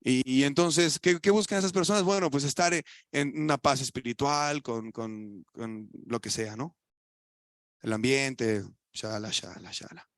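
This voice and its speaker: A young adult man with a Mexican Spanish accent preaching a sermon in a church, colloquial, asking the audience rhetorical questions and swinging between loud emphatic lines and quiet asides. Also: a little high, moderate pace, hardly any pauses, no room sound, clean studio sound.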